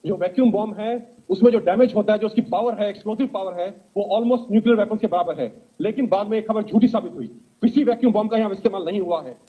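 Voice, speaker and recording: High-voiced reporter man on a tinny line. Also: quick pace, slightly rough. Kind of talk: explanatory report. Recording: tinny phone-like playback.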